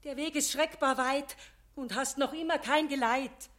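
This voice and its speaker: A frail, sick figure of good deeds who pleads tenderly in a Bavarian radio play. Her voice sits fairly high and comes slowly and weakly. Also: fairly even intonation, a bit bright. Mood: pleading. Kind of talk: broadcast radio play acting.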